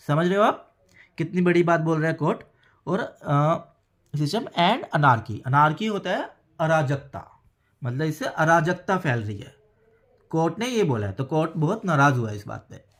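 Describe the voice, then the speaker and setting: A man teaching English from a newspaper, reading English phrases slowly with an Indian accent and explaining each word in turn. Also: fairly high pitch.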